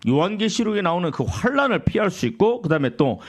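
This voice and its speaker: A man's voice: high voice, big pitch swings, quick pace. A middle-aged male pastor preaching a sermon in a church, asking the congregation questions and answering them himself, and quoting scripture. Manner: quotes scripture and acts out complaining believers. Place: church sanctuary.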